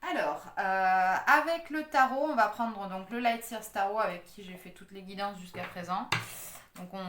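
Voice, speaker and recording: A woman's voice: a little high, fairly bright tone, reverberant, slight background noise. A woman giving a casual tarot and astrology reading, talking with many hesitations, fillers and restarts. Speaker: tarot card reader.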